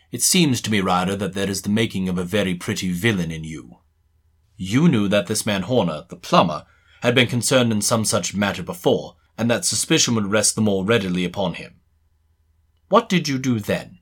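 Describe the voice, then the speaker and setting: A fairly low, slightly rough voice belongs to a man portraying a sharp, polite but authoritative gentleman detective in a Victorian drama. His speech is exact and formal, tinged with quiet mockery.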